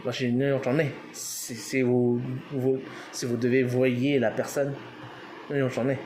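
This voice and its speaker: A man's voice: medium pitch, little pitch movement, unhurried, darkish tone, slight background noise. A man giving an informal language lesson, hesitant with many fillers, spelling words out letter by letter. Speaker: language teacher.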